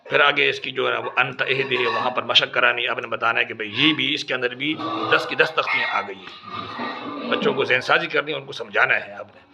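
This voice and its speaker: A man with a creaky mid-range voice teaches other teachers how to instruct children in Quran reading, patiently spelling out drill syllables one by one. Loud music plays behind him, and the lo-fi recording sounds dull.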